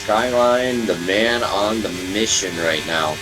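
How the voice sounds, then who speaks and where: A man giving live sim racing commentary, excitable and joking, rising to shouts at incidents. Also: lowish voice, slow pace, noisy background. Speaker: race commentator.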